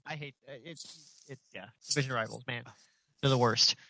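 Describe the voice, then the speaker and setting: Bright, blunt-talking man. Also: medium pitch, fairly even intonation, normal speed, vocal fry, no echo, rough recording. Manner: blunt, profane ribbing. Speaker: podcast co-host. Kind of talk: casual sports chat.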